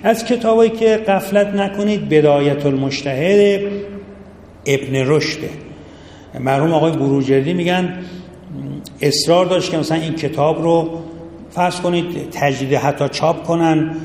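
A man's voice: fairly high pitch, darkish tone, slight background noise. A middle-aged man teaching a seminary jurisprudence class, talking casually and addressing his students directly. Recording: echoey hall with long reverb, faint ambience.

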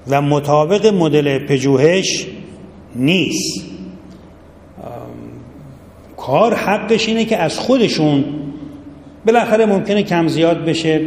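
A middle-aged man with a slightly high, darkish voice teaches a seminary jurisprudence class, speaking casually and directly to his students. The recording is made in an echoey hall with long reverb and faint ambience.

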